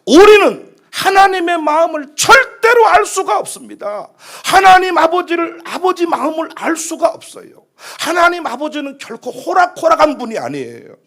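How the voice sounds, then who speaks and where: Pastor guy preaching in church, high voice, jokey and animated. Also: moderate pace, few pauses. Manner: animated, humorous storytelling. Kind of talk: sermon.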